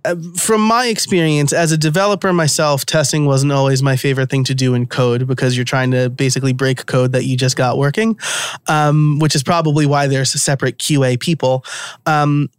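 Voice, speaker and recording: Male podcast host, New York accent, conversational, crisp and clean delivery. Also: medium pitch, steady tone, fairly quick, dry recording, clean studio sound. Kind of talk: casual conversational podcast interview.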